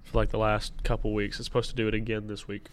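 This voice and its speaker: A man's voice: lowish voice, flat delivery, quick pace. Congested man with a blocked-nose voice. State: congested from a lingering cold. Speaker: podcast co-host. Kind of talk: casual chat.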